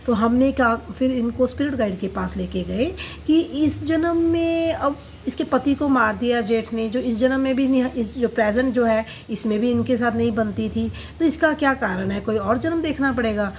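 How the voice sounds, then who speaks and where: Higher-pitched woman recounting a therapy session. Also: moderate pace, darkish tone, slight background noise, low-quality recording. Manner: storytelling, quotes client and herself in turns. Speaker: past-life regression therapist.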